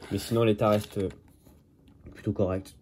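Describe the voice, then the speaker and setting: A man's voice: lowish voice, little pitch movement, moderate pace, darkish tone, a little hiss or hum. A man from Normandy chatting casually as he shows his finds from a flea market, correcting himself often and dropping jokey asides. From Normandy, France. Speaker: toy car collector. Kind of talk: casual show-and-tell commentary.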